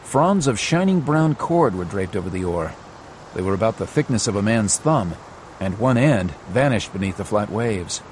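A man narrating a scripted adventure audiobook in a measured, dramatic storytelling manner. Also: fairly low pitch, lively intonation, darkish tone, a little hiss or hum.

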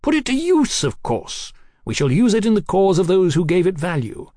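For an audiobook, a man voices a zealous young revolutionary, declaiming like an orator in a haughty, grandiose way. He pushes his voice higher than his own, with huge pitch swings and a warm tone at normal speed, recorded dry with clean studio sound.

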